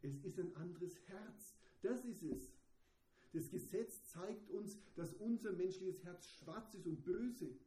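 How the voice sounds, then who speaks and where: Male preacher, fairly high but very dark, mellow tone; sermon delivery with hushed lows and emphatic peaks; roomy echo. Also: takes it slowly. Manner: swings between hushed asides and emphatic raised passages. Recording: echoey room.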